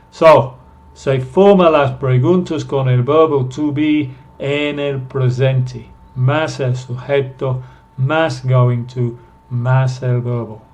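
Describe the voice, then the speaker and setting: Slow, careful male language teacher. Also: mid-range voice, a little mellow, muffled recording. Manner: slow and careful, repeating example sentences for learners to copy. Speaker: English teacher. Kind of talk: recorded language lesson.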